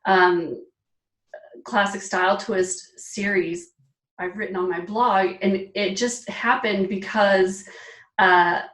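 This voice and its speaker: A lively, emphatic woman in her forties talks about personal style as an interview guest, mid-pitched and often laughing. Her voice sits some way from the microphone, so it sounds distant. The room adds a noticeably echoey tail. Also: slow pace. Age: 40s. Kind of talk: casual interview chat.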